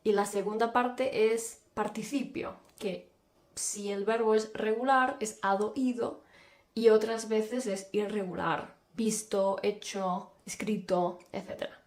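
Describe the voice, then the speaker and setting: A woman teaching a language lesson, speaking slowly and clearly and repeating example phrases one by one. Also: medium pitch, a little mellow. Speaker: Spanish teacher.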